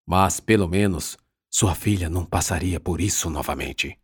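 A man narrating an audiobook in a measured, dramatic reading. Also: low-pitched, husky, no echo, clean studio sound. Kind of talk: scripted narration.

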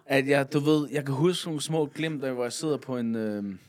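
A man's voice: mid-range voice, darkish tone. Rambling, easygoing male podcast guest. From Funen, Denmark. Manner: rambling, with many fillers and casual swearing. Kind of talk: casual storytelling.

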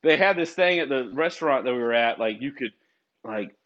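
A man's voice: mid-range voice, lively intonation, brisk, fairly bright tone, muffled recording. Folksy Southern man hosting a podcast. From South Carolina. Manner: folksy, rambling, laughs at own jokes. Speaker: podcast host.

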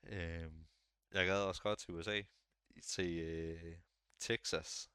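A young man chatting casually on a podcast, relaxed and hesitant, with lots of fillers and restarts. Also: sits low, smooth, dry recording, studio quality. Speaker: podcast co-host. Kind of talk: casual chat.

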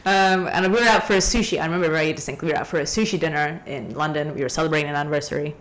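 A young woman from Hong Kong telling a story in a casual podcast chat, ranty and animated. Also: deep voice, racing. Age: young adult. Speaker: guest.

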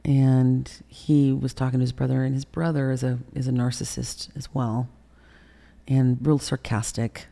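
A middle-aged woman as an interview guest, telling a personal story candidly and emotionally, swearing and acting out heated quotes with sudden loud bursts. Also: a bass voice, little pitch movement, normal speed, vocal fry.

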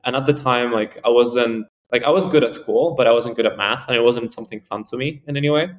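A man's voice: mid-range voice, fast talker. A young man in his early twenties from Spain, answering interview questions in a rambling, casual way full of "like" and "um". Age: early 20s. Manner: rambling, heavy use of "like" and fillers. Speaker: podcast guest.

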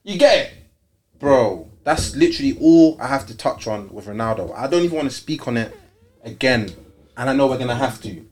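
Hosting a casual football debate, a man with an urban London roadman accent speaks animatedly and fairly quickly in a medium, darkish voice. He is emphatic and repetitive, packing his talk with street slang and rhetorical questions.

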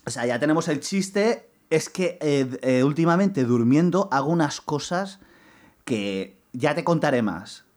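A young man co-hosting a podcast, telling a story in casual chat with lots of restarts and lively retelling. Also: on the high side, unhurried. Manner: rambling, many restarts, animated retelling. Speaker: podcast co-host.

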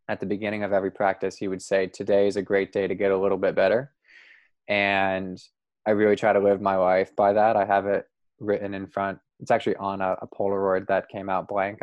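A man hosting a podcast interview, talking in a relaxed, rambling way and laughing easily. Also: low-pitched, no room sound, lo-fi sound. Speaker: podcast host. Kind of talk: casual interview chat.

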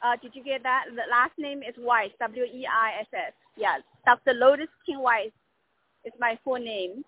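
Female caller, high voice, halting unscripted complaint over thin phone audio. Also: slight background noise. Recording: tinny dry phone line.

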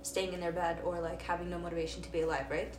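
A woman's voice: on the low side, completely flat delivery, quick pace. A woman co-hosting a casual podcast chat, rambling with many fillers and reading aloud from her phone. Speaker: podcast co-host. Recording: roomy and distant, noisy.

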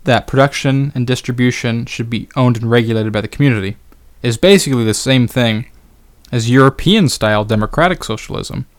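A man's voice: medium pitch, brisk. A man hosting a solo podcast in a casual, conversational way, with plenty of fillers and wry, sarcastic asides. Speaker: podcast host.

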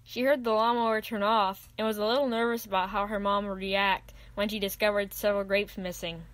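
A woman narrating a children's Bible story in an even, clear read-aloud manner. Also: medium pitch, brisk, dry recording.

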